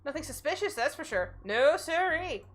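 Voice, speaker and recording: A woman's voice: high-pitched, very animated, normal speed, fairly bright tone, slight background noise, voice pushed up. A woman voicing a haughty, shifty nanny in a video game who over-insists on her innocence. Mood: falsely innocent.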